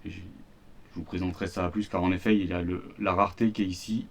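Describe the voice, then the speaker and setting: Low-voiced and flat, speaking quickly, a French-accented card game YouTuber walks through a starter deck's cards. It's rambling unboxing chatter loaded with fillers and slang.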